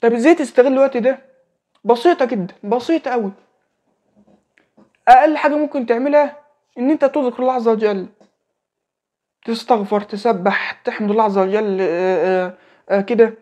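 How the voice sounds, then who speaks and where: A young man in his late teens with an Egyptian Arabic accent gives religious advice in a casual talk, repeating phrases and checking in with his listener. His voice is very high and slightly mellow, and he moves briskly while pausing often.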